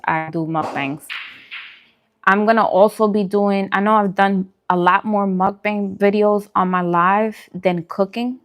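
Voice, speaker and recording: Chatting casually with her live-stream viewers and replying to comments as she goes, this adult woman is a parent, food vlogger and live streamer. Her voice is smooth and on the low side.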